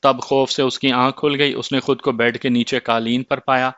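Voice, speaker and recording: A man reading a horror story aloud in a steady, measured narration. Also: mid-range voice, no room sound, dull audio.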